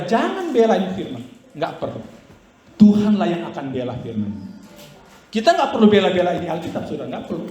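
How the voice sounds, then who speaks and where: High-voiced middle-aged man preaching, echoey hall. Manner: storytelling, shouting commands in prayer. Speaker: pastor. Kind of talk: sermon. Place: church hall.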